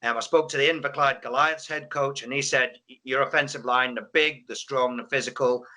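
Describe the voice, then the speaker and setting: A man's voice: mid-range voice, steady tone, a little fast, pushed and bright. A man interviewing coaches on a sports live stream, chatty and prone to restarting his questions. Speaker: interviewer at a football final.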